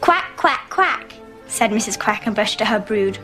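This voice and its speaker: A woman's voice: on the high side, lively intonation, unhurried. A young woman playing a chatty, confident twelve-year-old schoolgirl in a film drama, eager and playful. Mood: theatrical storytelling. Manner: eager, talkative. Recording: film soundtrack with loud music.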